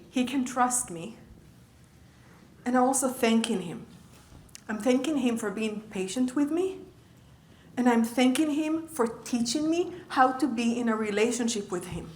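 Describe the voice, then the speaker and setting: A woman's voice: on the high side, reverberant. A woman giving a conversational lecture as a leadership coach, often checking in with her audience. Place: lecture room.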